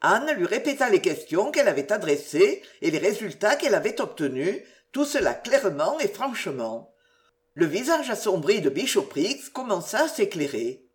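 An audiobook reader telling a classic novel with very lively, animated intonation. The pitch sits in a middle range and the reading is expressive and measured. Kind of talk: literary narration.

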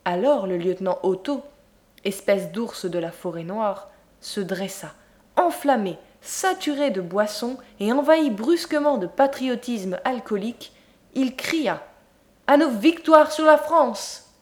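A woman narrating a classic literary story in a measured, expressive reading voice. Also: medium pitch. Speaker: audiobook narrator.

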